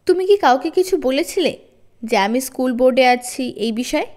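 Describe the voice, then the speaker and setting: Woman reading as a firm storybook father, measured, every word pressed, voice pitched fairly high. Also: expressive, a little mellow. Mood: questioning. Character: stern, steady middle-aged father.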